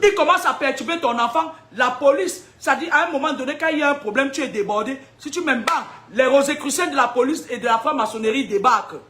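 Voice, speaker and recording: A woman's voice: high voice, fast, hardly any pauses, fairly bright tone. A woman, a spiritual seer preaching warnings in an emphatic, combative way, with rhetorical questions and frequent laughter. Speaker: spiritual seer giving prophecies.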